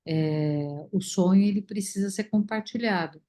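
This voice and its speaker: A woman leading a study group, talking reflectively with many pauses and fillers over a video call. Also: medium pitch, dark tone. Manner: thoughtful, many fillers and restarts.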